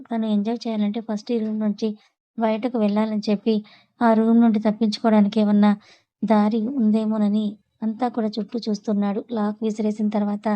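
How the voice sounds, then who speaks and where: A woman storyteller reading a serialized story aloud in a brisk, steady way. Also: mid-range voice, poor audio.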